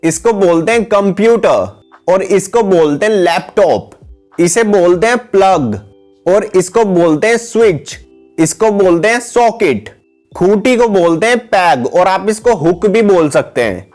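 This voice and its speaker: A man with a high-pitched voice reads out a picture vocabulary lesson in an even, patient rhythm. He names one item after another and now and then calls his viewers guys. Faint background music sits beneath the close-miked voice-over. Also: measured pace. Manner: steady repetitive naming, addresses viewers as guys. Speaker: English teacher.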